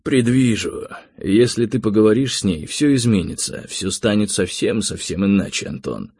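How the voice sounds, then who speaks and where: A man voicing a calm, weary male tiger spirit who speaks gravely and matter-of-factly in an audiobook. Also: lowish voice, normal speed, no room sound, clean studio sound. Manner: quiet, grave, matter-of-fact. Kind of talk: audiobook character reading.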